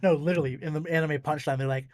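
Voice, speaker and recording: A man's voice: fairly high pitch, fairly even intonation, racing, no room sound. A man from Minnesota hosting a casual comedy podcast, joking around and jumping into exaggerated bits. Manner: jokey, jumps into exaggerated bits.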